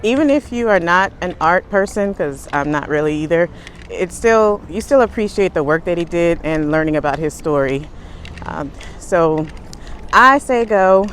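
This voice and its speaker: A woman's voice: lowish voice, animated, normal speed, slight background noise. Chatty woman vlogging on the move. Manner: chatty, upbeat commentary while walking. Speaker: travel vlogger. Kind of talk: casual travel vlog. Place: outdoors and in public transport, on the move. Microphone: handheld camera.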